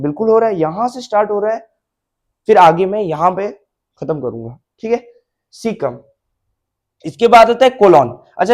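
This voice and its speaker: A man's voice: high voice, a little mellow. A male biology teacher lecturing at a board, mixing Hindi and English, repeating key terms and checking that students follow.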